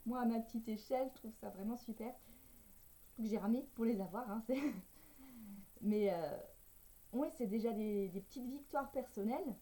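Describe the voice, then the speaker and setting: A woman's voice: a little high, mellow. A French woman talking through a casual personal vlog, hesitant and stumbling over her words, on poor sound. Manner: hesitant, stumbling, laughs now and then. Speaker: personal development coach and writer.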